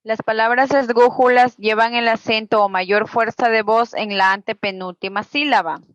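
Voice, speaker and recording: A woman's voice: fairly high pitch, steady tone, moderate pace, no echo, dull audio. A woman student presenter reading a class presentation, going steadily through rules and long lists of example words.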